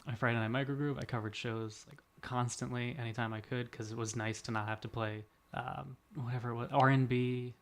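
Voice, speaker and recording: A young man in his twenties with a gravelly, creaky voice, talking casually as a podcast co-host. He rambles through stories with self-deprecating humor and laughs often. His pitch sits in an ordinary middle range. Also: steady tone, brisk, few pauses, a bit bright. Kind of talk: casual chat.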